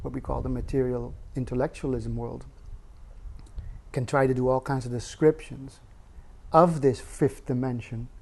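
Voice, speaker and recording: A man's voice: medium pitch, steady tone, moderate pace, vocal fry, a little mellow. A man, a spiritual teacher, giving an earnest, reflective satsang talk with casual asides and rhetorical questions.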